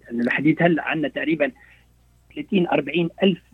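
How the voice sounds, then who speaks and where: A man with a Lebanese Arabic accent speaks quickly in a husky, slightly high voice. He explains like a doctor on the radio, repeating himself and mixing in English terms. The sound is thin and phone-like. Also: dry recording. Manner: halting, repeats words, mixes in English terms. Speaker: doctor interviewed as guest.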